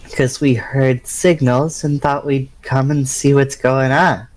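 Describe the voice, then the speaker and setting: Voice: mid-range voice, steady tone, unhurried, a little mellow. A bubbly, giggly player in a tabletop role-play game.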